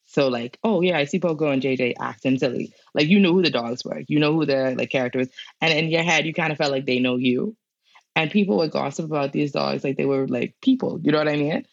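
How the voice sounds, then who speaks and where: Young Bahamian woman, interview guest, chatty and filler-heavy, gravelly voice. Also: deep voice, quick pace, no echo, muffled recording. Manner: chatty, many fillers like "like" and "you know". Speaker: guest climate scientist. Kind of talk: casual interview answers.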